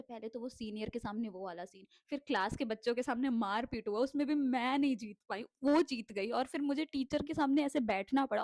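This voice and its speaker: A young woman telling a casual storytime about her school days, animated, swearing freely and mixing in English words. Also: sits high, no room sound.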